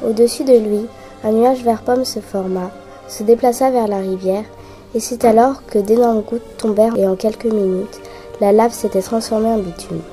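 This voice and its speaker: A woman narrating a children's adventure story aloud in a lively, brisk storytelling manner. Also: a little high, faint music behind.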